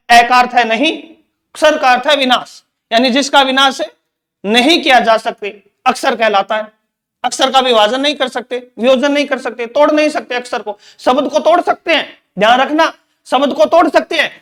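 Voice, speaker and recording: A man's voice: very high voice, a bit bright. A man teaching Hindi grammar in an exam-prep lecture, repeating points and quizzing with rhetorical questions.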